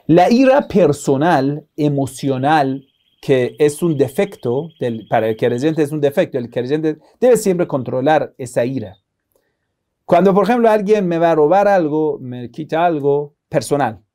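Man, religious lecture, high voice, emphatic preaching, rises on key words. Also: darkish tone. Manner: recites Arabic verses in a chanting tone.

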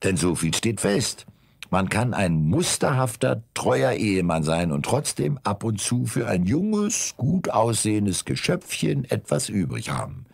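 Deep gravelly man reading a comic audiobook. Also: sing-song, a little slow, dry recording. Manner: dry ironic storytelling, acts out dialogue. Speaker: audiobook narrator.

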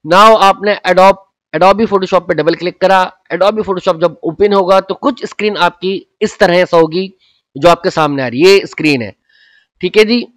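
Chatty high-voiced male design tutor. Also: measured pace, fairly bright tone, dry recording. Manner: chatty, repeats "ठीक है" and "जनाब" often. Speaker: Photoshop instructor. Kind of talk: casual tutorial with screen walkthrough.

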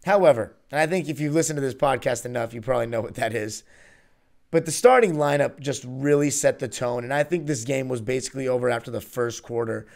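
An excited young podcast host with a gravelly, medium-pitched voice rambles through a solo postgame basketball analysis, correcting himself and gushing like a fan. He sits in a small room in front of a virtual arena backdrop, speaking into a studio mic on a stand before him.

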